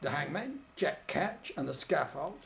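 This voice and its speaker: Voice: mid-range voice, animated, measured pace, creaky. An interviewer speaking formally and politely, keeping a straight face through a scripted comic studio interview.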